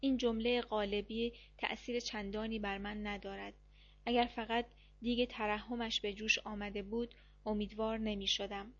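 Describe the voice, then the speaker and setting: A woman narrating a first-person diary story at a measured, even pace. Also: medium pitch. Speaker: audiobook narrator. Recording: dull lo-fi recording.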